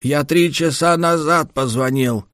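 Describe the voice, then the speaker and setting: A creaky, very old man, speaking in a raised pitch for an audiobook. He is stubborn and wary, with a querulous edge, and the sound is dry and close. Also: a little slow, a bit bright, dry recording. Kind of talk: scripted audiobook character acting.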